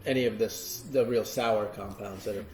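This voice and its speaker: Mellow-voiced man in an echoey room. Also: fairly low pitch, normal speed. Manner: relaxed, explanatory, hesitant ums. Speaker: cheese shop host. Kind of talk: live-streamed tasting lesson.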